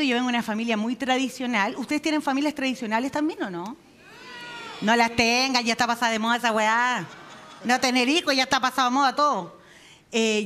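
High, bright Chilean woman doing stand-up. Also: slight background noise. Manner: crude, slangy banter with the audience. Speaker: stand-up comedian. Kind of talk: live stand-up set.

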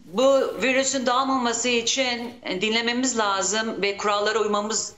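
A woman's voice: fairly high pitch, steady tone, moderate pace, a bit bright, roomy sound. Woman calling into a radio show. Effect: radio show caller on a phone line. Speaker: caller to a broadcast from abroad. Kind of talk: casual live phone report. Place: at home.

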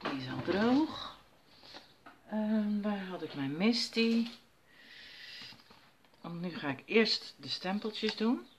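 Woman chatting her way through a stamping demo at home, middling pitch, bit of faint hiss behind. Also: expressive, takes it slowly, pauses often. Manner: chatty, talks herself through each step. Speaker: crafter demonstrating stamping. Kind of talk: casual crafting tutorial. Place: at home while her children sleep.

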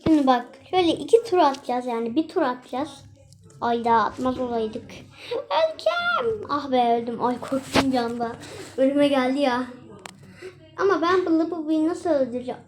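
A woman's voice: sits high, brisk, a little mellow, a little hiss or hum. A young woman chatting casually and exclaiming as she plays a mobile game for her channel. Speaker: gaming channel host.

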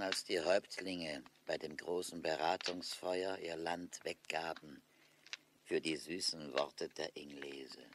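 A man's voice: low voice, a bit bright, a little hiss or hum, heavily acted. A male actor in a German audio drama, playing an old, broken Mohican chief who declaims with weary, bitter dignity.

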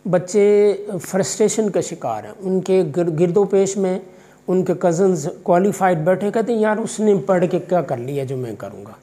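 Filmed from afar by a camera in an office, a 50s-aged Pakistani vice principal of a college responds to interview questions. He speaks with a Pakistani Urdu accent in a calm, paternal manner, sprinkling in religious expressions and hesitant fillers. His pitch is high, his intonation lively, and his tone warm.

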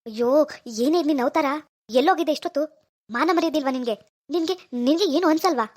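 A woman's voice: sits high, quick pace, darkish tone, close to an everyday voice. A woman voicing a worried, jealous young husband from a village, scolding and muttering to himself. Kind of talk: cartoon voice acting.

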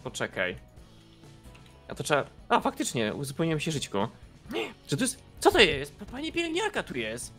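Young male gamer, excitable and laughing, very lively pitch, faint game music underneath. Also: normal speed. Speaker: gaming YouTuber. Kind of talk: casual co-op gameplay commentary.

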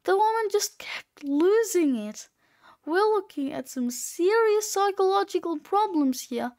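A woman's voice: very high-pitched, lively intonation, unhurried, a little mellow, pitched above the performer's own voice, exaggerated voice. A woman reading aloud, voicing a cocky, wisecracking sixth-grade boy. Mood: smug. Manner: smug, wisecracking.

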